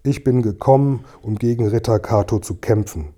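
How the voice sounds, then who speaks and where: A man reading an audiobook and voicing a brave young boy who speaks firmly and clearly. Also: mid-range voice, lively intonation, moderate pace, dark tone, lightly acted. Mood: determined. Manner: firm, clear, resolute.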